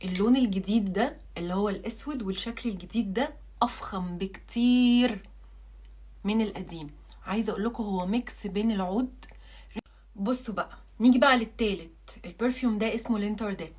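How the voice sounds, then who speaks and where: Fast-talking Egyptian woman, pushy and playful. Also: medium pitch, slightly rough. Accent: Egyptian Arabic. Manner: animated, repeats words for emphasis, jokey. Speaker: beauty blogger reviewing perfumes. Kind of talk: casual sales vlog.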